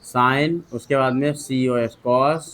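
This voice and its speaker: A man's voice: medium pitch, fairly even intonation, takes it slowly, fairly bright tone. A male maths teacher with a Hindi accent, lecturing a class, drilling students with repeated questions and calling on pupils by name. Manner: calls on pupils by name to read aloud.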